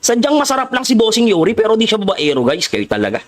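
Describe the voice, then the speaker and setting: A man's voice: sits high, huge pitch swings, fast talker. A man with a Filipino accent giving playful, teasing commentary while live-streaming a game and greeting his viewers.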